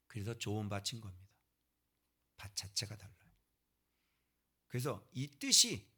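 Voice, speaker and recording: A pastor preaching a sermon, emphatic and scolding, often checking that the congregation agrees. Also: male voice, mid-range voice, fairly bright tone.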